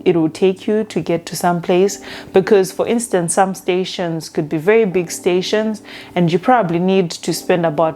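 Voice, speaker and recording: A young woman from Zimbabwe, chatting casually in a vlog with a relaxed manner and frequent fillers. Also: on the low side. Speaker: vlogger. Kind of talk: casual talking-to-camera vlog.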